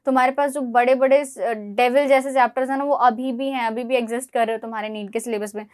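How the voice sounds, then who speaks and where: High-voiced woman mentoring exam students. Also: fairly even intonation, fast talker, a little mellow. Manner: direct, scolding and encouraging, talks straight to students. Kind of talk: motivational study advice.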